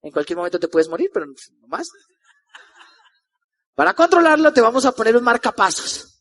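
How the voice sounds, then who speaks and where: A man with a Colombian accent quoting a calm male doctor who breezily downplays serious news. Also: extremely high pitch, normal speed, heavily acted. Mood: breezy.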